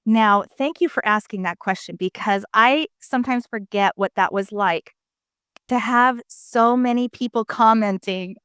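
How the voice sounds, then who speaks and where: An animated woman speaking candidly as an interview guest about her own life. Her slightly high voice is smooth and resonant, recorded close and dry with almost no room sound. She talks emphatically, with big pitch swings and casual fillers. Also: a little slow, no room sound. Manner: conversational, with frequent fillers. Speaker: guest sharing her recovery story. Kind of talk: candid personal storytelling.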